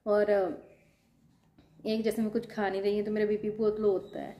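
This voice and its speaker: A woman in her thirties, a mother chatting casually to her viewers from her home kitchen while doing chores and gently scolding her child. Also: medium pitch, little pitch movement, moderate pace. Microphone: phone camera.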